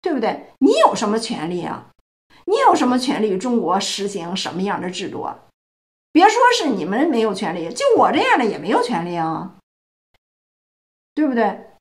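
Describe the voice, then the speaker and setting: A woman's voice: mid-range voice, big pitch swings, moderate pace. A woman from China giving a solo political commentary, emphatic and full of rhetorical questions. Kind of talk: solo opinion monologue.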